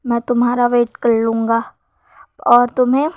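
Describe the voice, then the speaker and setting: A woman's voice: a little high, completely flat delivery, measured pace, no room sound, natural voice. Woman reads possessive schemer, young man, plain storybook delivery, dry and muffled. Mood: pleading. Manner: read in a plain narrating voice, softer when plotting. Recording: dull lo-fi sound.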